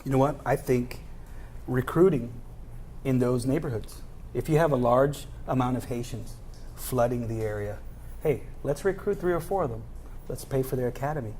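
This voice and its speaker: A man's voice: mid-range voice, moderate pace, a little mellow, a little hiss or hum. A man running for sheriff, speaking earnestly in an interview and listing his credentials plainly. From United States. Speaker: sheriff candidate. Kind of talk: campaign pitch in interview.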